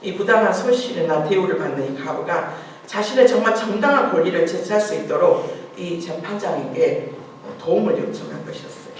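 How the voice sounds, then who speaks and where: A woman's voice: lowish voice, animated, fairly quick. Woman pastor preaching in an echoey church. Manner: earnest storytelling with rhetorical questions and repetition. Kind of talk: sermon. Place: church sanctuary. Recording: very echoey hall, voice from far off, faint hiss.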